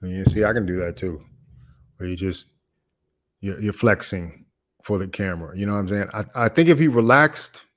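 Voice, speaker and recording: A man's voice: fairly low pitch, fairly quick, a bit bright. A man hosting a reaction video, commenting casually on a clip and laughing often, repeating his phrases.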